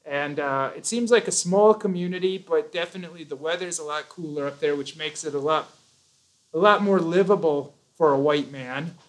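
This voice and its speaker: Hosting a live stream, a chatty man reads out viewer questions and answers them at length, rambling, joking, and correcting himself mid-sentence while keeping it casual. His voice is a touch high for a man, his pace moderate, and the recording quality low.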